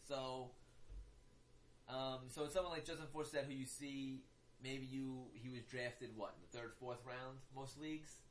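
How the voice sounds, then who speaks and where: A man talks sports in a loose, chatty way, trailing off and restarting his sentences as he gets worked up. His voice sits at an ordinary middle pitch. A faint hiss of noise runs underneath. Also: a little slow, rough recording. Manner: animated, ranting, many fillers and restarts. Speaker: fantasy football podcast co-host. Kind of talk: casual chat.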